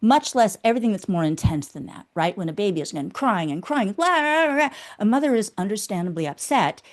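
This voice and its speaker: A woman explaining her ideas as a guest in an interview. She talks like a teacher, walks through each step and keeps checking in with a quick "okay?". Her pitch sits in the middle range. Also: big pitch swings. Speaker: guest, inner critic specialist.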